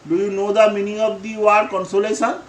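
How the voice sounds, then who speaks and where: A man who speaks Bengali natively, teaching spoken English and slowly repeating each phrase for his learners. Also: sits high, monotone, reverberant, slight background noise, low-quality recording.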